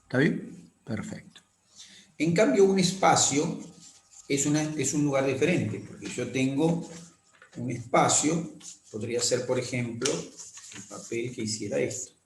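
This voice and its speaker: A man lecturing on anatomy, explaining slowly, repeating key terms and often checking that students follow. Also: mid-range voice, animated, a little hiss or hum. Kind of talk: classroom lecture with drawing demonstrations. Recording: echoey room.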